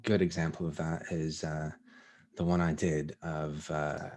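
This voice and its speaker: A man being interviewed about his voice acting, talking in a relaxed, thoughtful way and laughing easily. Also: rumbling low, unhurried. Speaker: voice actor guest. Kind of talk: casual interview chat.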